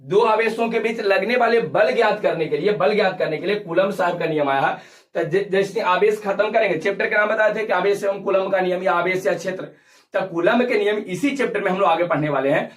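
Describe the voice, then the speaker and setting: High-voiced teacher quizzing a class. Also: male voice, brisk. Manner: questioning, repeats terms for students to echo. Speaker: physics teacher. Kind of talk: classroom lecture with call-and-response. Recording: echoey room, mic far off.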